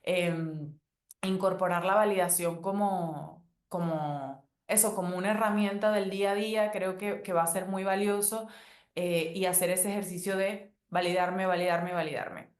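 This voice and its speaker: Woman chatting on her podcast, gentle and easygoing, lots of ums, a bit of room echo. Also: on the low side, fairly even intonation, moderate pace. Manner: gentle, conversational, many fillers. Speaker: podcast host. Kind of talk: casual advice podcast monologue. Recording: roomy echo.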